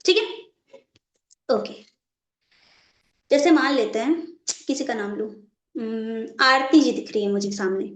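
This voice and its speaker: A woman's voice: on the high side, lively intonation, measured pace, long pauses, reverberant. A woman running a live online training session, stopping again and again to check that her class is following and repeating her points. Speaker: network marketing trainer.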